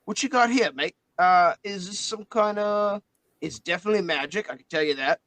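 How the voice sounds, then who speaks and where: A man voicing a chatty, excitable magical book familiar with a New Zealand accent, bright and playful in a tabletop game. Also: sits high, normal speed, no room sound, pitched above the performer's own voice, low-quality recording.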